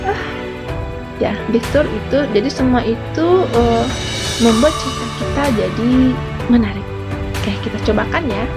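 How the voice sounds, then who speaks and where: A woman primary school teacher giving a video lesson to children, explaining gently and prompting with small asides. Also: on the high side, normal speed, pauses often. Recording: music playing underneath.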